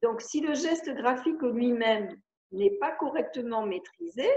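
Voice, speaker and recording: An older woman, a speech therapist, explaining spelling exercises in a video conference, slowly spelling out syllables and letters. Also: on the high side, darkish tone. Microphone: video call. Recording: echoey, dull video call audio.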